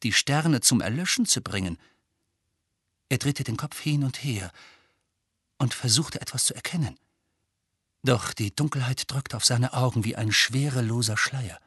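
A man narrating an audiobook in an expressive, suspenseful style, slowing down at tense moments. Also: medium pitch, breathy edge, no echo, clean studio sound. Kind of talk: dramatic scripted narration.

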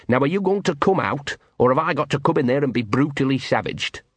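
A man's voice: mid-range voice, animated, fairly quick, husky, no echo. A man voicing a scruffy, sardonic small male street dog in an audiobook, talking in a grumbling, world-weary way.

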